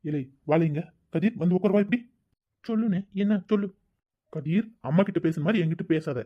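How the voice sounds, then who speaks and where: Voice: mid-range voice, fairly quick, natural voice. Voice actor doing a caring elder brother. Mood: coaxing. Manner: coaxing, soothing. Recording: dull lo-fi recording.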